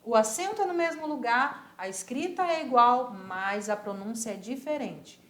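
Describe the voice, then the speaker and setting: Brazilian lady teacher doing a spanish class, says words slow and twice, bit high, roomy echo. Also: a bit bright. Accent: Brazilian Portuguese. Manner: patient, models pronunciation by repeating words slowly. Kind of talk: recorded school lesson.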